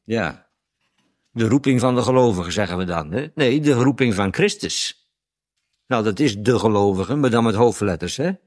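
A man giving informal Bible teaching, chatting conversationally, tagging his points with questions, and slowing down to read scripture with emphasis. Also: fairly low pitch, lively intonation, darkish tone. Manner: reads scripture slowly with emphasis.

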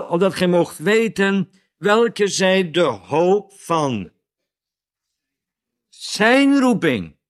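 A man giving informal Bible teaching, chatting conversationally, tagging his points with questions, and slowing down to read scripture with emphasis. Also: on the high side. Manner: reads scripture slowly with emphasis.

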